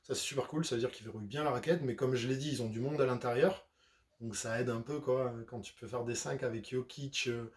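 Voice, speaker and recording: A young man, casually analyzing a basketball team, slangy and animated with lots of fillers and self-corrections. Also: medium pitch, brisk. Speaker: basketball video host.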